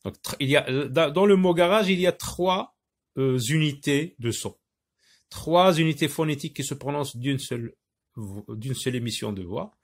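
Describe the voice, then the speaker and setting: A man explaining a reading lesson, halting with many fillers and restarts, sounding out syllables aloud. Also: on the high side, animated. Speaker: teacher. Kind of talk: recorded lesson for teachers.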